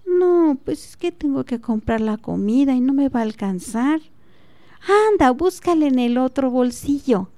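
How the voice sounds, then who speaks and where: A woman voicing a sweet, stubborn young girl who is selling a cloud, speaking high and innocent. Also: lively intonation, measured pace, mellow, dry recording. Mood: childlike.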